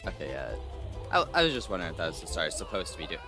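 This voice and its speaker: A man's voice: low-pitched, huge pitch swings, very fast, music in the background. A young man hosting a let's play, chatting casually and hesitantly with ums and restarts. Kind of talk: casual gameplay commentary.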